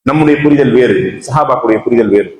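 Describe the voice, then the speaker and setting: A man's voice: medium pitch, brisk. A man with a Tamil Nadu accent giving a Friday sermon in a mosque, telling a story with repetition and emphatic peaks. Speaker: mosque preacher. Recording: echoey mosque hall.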